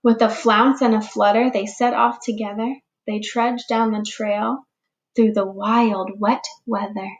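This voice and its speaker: A woman teacher reading a picture book aloud to young children, slow and expressive, giving the animals little voices. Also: mid-range voice, slight background noise. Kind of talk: read-aloud storytime for children.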